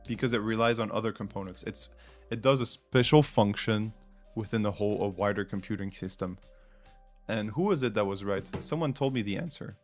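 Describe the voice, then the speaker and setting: A French livestream host, a native French speaker with a French accent, runs a casual live quiz, thinking aloud as he chats with viewers. His voice is fairly low and a little fast, with faint music in the background.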